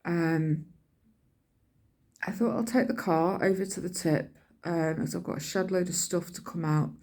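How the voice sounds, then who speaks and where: The speaker is a middle-aged British woman vlogging in a rambling, chatty way, recounting daily happenings in everyday language and voicing others' quotes. Her lowish, darkish voice keeps fairly even intonation at a measured pace.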